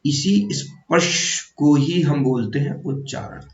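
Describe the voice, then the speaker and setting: A man's voice: fairly high pitch, slow pace. A male teacher giving an exam-prep grammar lesson, explaining step by step, calling viewers friends and correcting himself as he goes. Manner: explanatory, repeats 'theek hai' and 'hai na'. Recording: echoey room, distant mic, dull sound.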